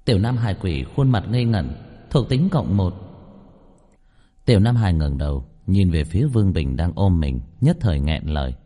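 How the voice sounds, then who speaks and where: A man reading a story aloud as an audiobook narrator, with a lively storytelling delivery. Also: low-pitched, moderate pace. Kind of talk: scripted narration. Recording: long reverb.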